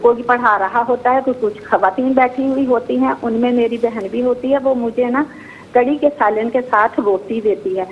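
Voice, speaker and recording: A woman's voice: fairly high pitch, slight background noise. A woman from Pakistan calling in by phone, rambling through her dream and often correcting herself. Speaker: caller. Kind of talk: telling a dream over the phone. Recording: muffled phone call.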